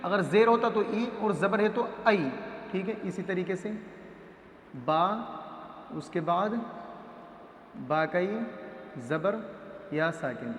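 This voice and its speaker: A man teaching a reading lesson at a board, patient, sounding out letters slowly and often checking understanding. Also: sits high, slight background noise. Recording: echoey room with long reverb.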